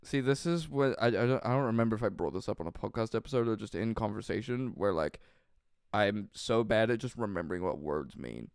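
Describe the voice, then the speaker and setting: A young man co-hosts a podcast, rambling in casual chat and poking fun at himself, often breaking into laughs. His voice is smooth and clear at a middle pitch. It is recorded close and dry. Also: animated, fairly quick, no echo. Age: young adult. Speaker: podcast co-host.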